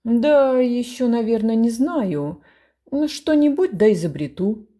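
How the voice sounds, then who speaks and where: A woman voicing a fussy retired captain and father who talks loudly and rambles. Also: on the high side, lively intonation, slow. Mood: blustering. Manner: loud, blustering, rambling.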